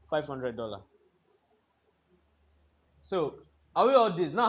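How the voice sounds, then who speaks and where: A man's voice: a little high, a little hiss or hum. A man teaching a trading class, lecturing in a classroom and constantly quizzing students with fill-in-the-blank questions. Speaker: trading instructor.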